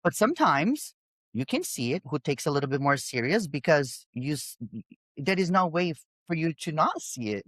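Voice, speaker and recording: A woman hosts a casual podcast chat in an emphatic, animated way, often breaking off and restarting her sentences. Her voice is recorded close and dry, with no room sound at all. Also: low voice, normal speed, no echo. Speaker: podcast host and bodybuilding coach.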